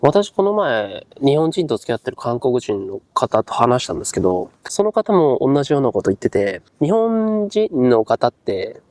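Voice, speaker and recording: Lively, curious young male host. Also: mid-range voice, normal speed, few pauses, dry recording. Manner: curious, playful questions. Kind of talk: casual interview.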